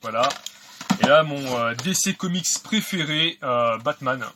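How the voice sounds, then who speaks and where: A man's voice: medium pitch, lively intonation, unhurried, background noise. A man casually talking through an unboxing of video games, chatty and hesitant with many fillers. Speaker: video game collector vlogger.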